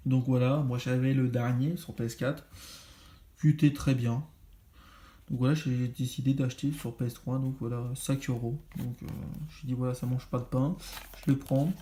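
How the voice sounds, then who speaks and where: A man's voice: medium pitch, little pitch movement, moderate pace, mellow. A man casually reviewing games he bought, talking in a rambling way with many fillers. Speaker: video game collector vlogger.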